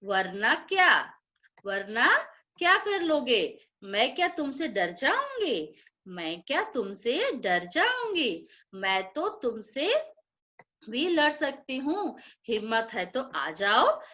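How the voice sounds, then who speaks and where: A woman voicing a boastful little female fly who speaks softly and mockingly to a lion. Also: high voice, sing-song, takes it slowly, muffled recording, heavily acted. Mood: defiant. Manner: soft-spoken, mocking, defiant.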